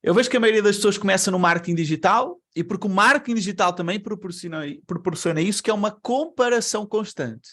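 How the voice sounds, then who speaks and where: Speaking quickly with few pauses, this man has a high, slightly bright voice. Brazilian-born with a European Portuguese accent, he addresses an online webinar audience in a chatty manner, posing rhetorical questions.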